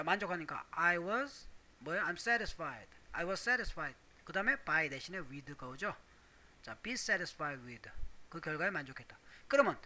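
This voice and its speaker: A Korean man teaching English grammar, explaining step by step with rhetorical questions and reading English examples slowly. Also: high-pitched, pushed and bright. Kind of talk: recorded grammar lecture.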